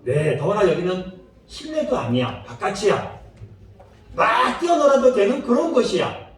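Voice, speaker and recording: Guy preaching to kids, high lively voice, goofy voices for the story, super echoey room. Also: moderate pace. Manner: asks the children questions. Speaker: children's ministry preacher. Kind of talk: children's sermon. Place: church worship room. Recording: very echoey room, mic far off.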